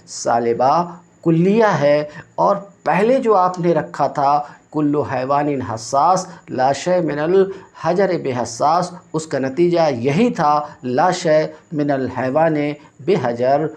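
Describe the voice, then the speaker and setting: This male religious teacher has a somewhat high voice with a darkish tone. Lecturing on logic to his class, he explains things stepwise, asks questions to make sure students understand, and reads textbook passages aloud in Arabic.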